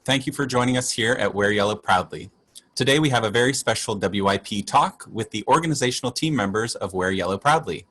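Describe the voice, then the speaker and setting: A man hosting a casual group chat, playful and quick to laugh. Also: lowish voice, fairly bright tone. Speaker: host.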